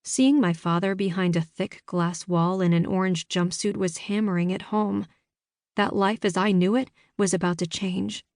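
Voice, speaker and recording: Woman reading an audiobook in first person, measured and steady, studio mic. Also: medium pitch, no room sound. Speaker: audiobook narrator. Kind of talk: first-person scripted narration.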